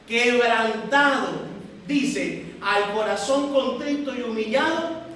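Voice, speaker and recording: A woman preacher with a high voice delivers a teaching sermon. She speaks from a distance in a large hall with strong echo. She keeps asking her listeners rhetorical questions and addresses them as brothers and sisters. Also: takes it slowly, fairly bright tone, slight background noise. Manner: asks the congregation rhetorical questions. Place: large echoey church hall. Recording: echoey church hall from far off.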